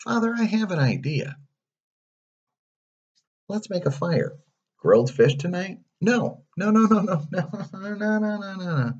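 A man's voice: a little slow, pauses often, husky, muffled recording, heavily acted. A man voicing an eager wooden puppet boy who keeps honking like a donkey. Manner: high, excited, honking.

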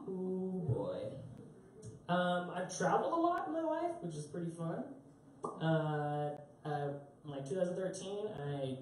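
Performing stand-up in a small club, this young comedian rambles through self-deprecating stories and cracks himself up. His voice is fairly high and dark-toned, with slight background noise. The sound is distant and echoey, his handheld mic heard through a far camera.

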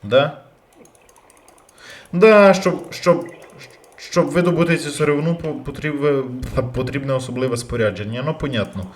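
A man commentating his own gameplay, bursting into loud curses and then dropping to quiet muttering. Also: fairly high pitch. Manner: loud outbursts and heavy swearing; jumpy, rapid switches between yelling and muttering. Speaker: let's play gamer.

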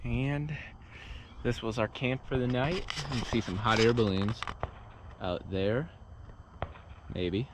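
A man hosting a casual travel vlog at a desert campsite, talking in a relaxed, rambling way with many pauses and fillers into an action camera. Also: mid-range voice, background noise. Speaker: vlogger and trip host. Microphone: action camera mic.

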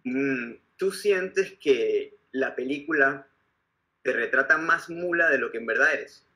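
A man interviewing, a filmmaker asking calm questions in a measured, slightly hesitant way. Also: medium pitch.

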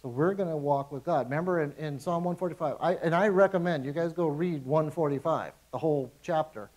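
A man's voice: on the high side, fairly quick, darkish tone, rough recording. A man, a pastor, preaching a conversational sermon in a church, emphatic and informal, repeating his phrases.

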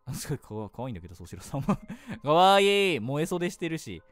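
Man, game streamer, excitable, gushing, fairly high voice, faint music behind. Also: fast talker, no echo. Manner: excitable, gushing, laughs often. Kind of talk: let's play commentary.

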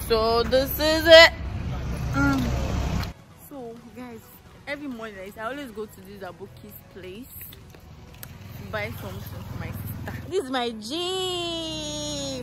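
A young Nigerian woman talks casually into a phone held at arm's length as she walks outdoors. Her voice sits a little high and her talk is slow and unhurried. Faint music plays under her. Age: young adult. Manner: chatty, laughing, switching into pidgin. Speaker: vlogger. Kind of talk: casual vlog walkthrough. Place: outdoors in a rural neighborhood.

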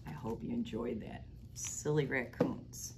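A middle-aged woman hosts library storytime, reading a picture book aloud to children in an animated, sing-song way and sometimes dropping to a stage whisper. Her voice is extremely low and unhurried, recorded on a lapel mic in a small indoor library room with a lot of noise.

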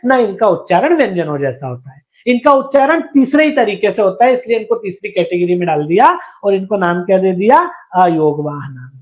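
A man's voice: high-pitched, a little mellow. A man teaching Hindi grammar in an exam-prep lecture, who asks and answers his own questions, repeats each point and sounds out syllables for students to copy.

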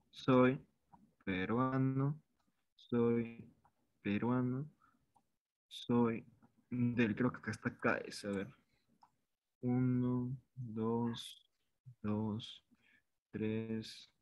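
With a mid-range, somewhat mellow voice and no echo in the recording, a man from Peru tutors an online chemistry review class. He keeps things informal, repeating words as he works through problems on a board.

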